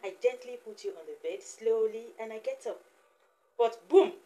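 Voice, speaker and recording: A woman's voice: on the high side, fairly quick, dark tone. A woman, chatting playfully in a casual vlog and cooing teasingly at her baby. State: sweating, flustered. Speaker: vlogger, mother of a baby.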